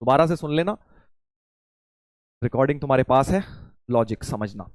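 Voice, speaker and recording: A man teaching maths in a live online class. He teases his students in a playful way and slows right down to spell out each step. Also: mid-range voice, lively intonation, no room sound, studio quality. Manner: playful, teasing, calls students "beta".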